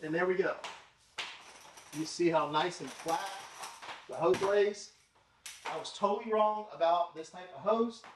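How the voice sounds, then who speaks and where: A young man with a high voice hosts a car-care channel, talking at a measured pace with long pauses, and the audio carries a little hiss or hum. He gives a casual product demo in his tiled home garage, working with his hands and moving around as he speaks to a camera mic.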